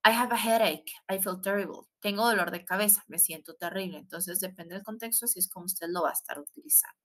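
In this recorded online language lesson, a bright-voiced woman with a mid-range pitch gives her explanations in Spanish. She pronounces English words slowly as models and tacks on tag questions.

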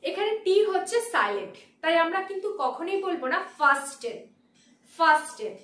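A woman teaching pronunciation, repeating each word slowly with careful stress. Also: extremely high pitch, sing-song, a bit bright. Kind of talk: slow, deliberate pronunciation lesson. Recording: echoey room, voice from a distance.

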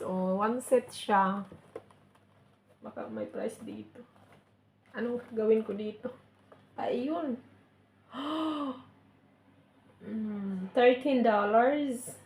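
A woman from the Philippines chatting casually in a vlog as she opens gifts, giggling and repeating herself. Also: medium pitch. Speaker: vlogger. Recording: echoey room with faint noise.

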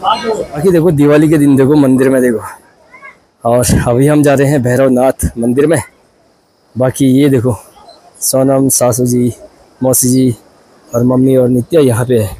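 A man's voice: mid-range voice, fairly even intonation, unhurried, long pauses, mellow, slightly rough, no room sound. A young man from Uttarakhand narrating a casual travel vlog outdoors, chatty as he points things out to viewers. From Uttarakhand, India. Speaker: vlogger. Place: outdoors at hill temples and a riverside.

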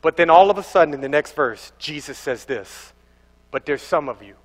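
A young man preaching a sermon as pastor, animated and telling stories with acted-out voices. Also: fairly high pitch, normal speed. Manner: animated storytelling, acting out voices. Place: large church hall. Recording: echoey church hall.

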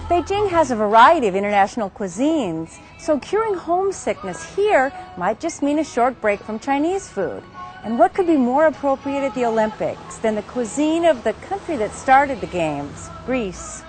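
A woman TV reporter narrating a news feature in a bright, scripted way and chatting with diners on camera. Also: high voice, sing-song, normal speed, over music, rough recording.

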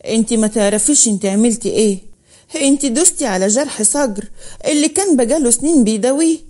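A woman voicing a cool, confident young woman with an Upper Egyptian accent, speaking with a cool, even delivery. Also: a little high, fast, close to an everyday voice. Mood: worried. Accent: Upper Egyptian Arabic.

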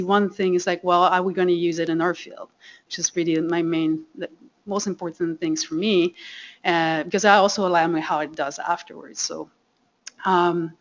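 At a farming conference in a conference room, a seed farmer from Quebec, Canada, speaks with a French accent in a medium-pitched voice over dull audio. Her live presentation is chatty and self-deprecating, full of ums and restarts.

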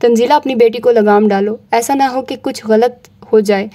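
A woman voicing a spiteful aunt who shouts scornfully in an audiobook drama. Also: a little high, fairly even intonation, normal speed, close to an everyday voice. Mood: furious scorn.

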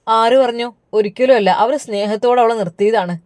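A woman voicing a calm, matter-of-fact middle-aged father with a Malabar Malayalam accent. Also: on the high side, fairly quick, dry recording, studio quality, natural voice. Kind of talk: storybook narration.

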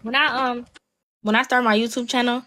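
A woman's voice: fairly high pitch, little pitch movement, bright, forceful tone, slight background noise. A young woman, chatting playfully and teasing her co-host on a livestream. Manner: playful, teasing, quick to laugh. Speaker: TikTok live co-host. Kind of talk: casual chat.

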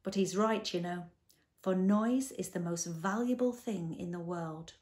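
A woman voicing a pompous, blustering middle-aged male doctor in a storybook reading, declaiming slowly. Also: on the low side, a little mellow, close to an everyday voice. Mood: questioning.

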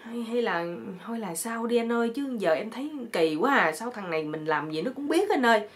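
A woman's voice: on the high side, expressive, a little fast, lightly acted. A woman voicing an affectionate young wife with a coaxing, pleading way of talking. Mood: worried.

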